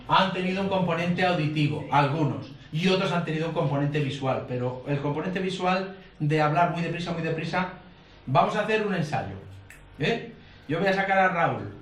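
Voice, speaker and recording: A man's voice: high-pitched, recorded from a distance, slight background noise. A man teaching a live workshop to a group, explaining points and checking in with frequent tag questions. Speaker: course instructor. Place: lecture room in front of an audience. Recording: roomy amateur recording from afar.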